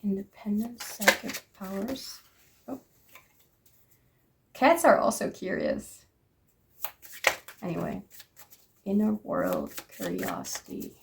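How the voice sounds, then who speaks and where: Young woman, 20s, tarot reader; relaxed slow delivery, gravelly fry, noisy recording. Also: medium pitch. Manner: chatty, talks to her cards and spirit. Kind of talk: casual tarot reading.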